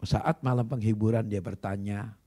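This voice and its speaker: Male pastor, low husky voice, emphatic sermon with rhetorical questions to the congregation. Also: steady tone, moderate pace, dark tone. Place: church service.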